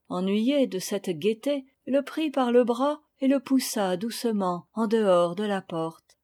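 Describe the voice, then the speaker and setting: A woman reading a children's novel aloud, with calm, measured storytelling that rises in dramatic moments. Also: fairly high pitch. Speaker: audiobook reader. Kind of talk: scripted narration.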